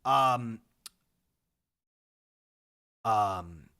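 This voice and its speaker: A man's voice: lowish voice, very slow, vocal fry, pushed and bright. A young man chatting casually on a livestream, restless and jokey, swearing when frustrated. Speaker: streamer.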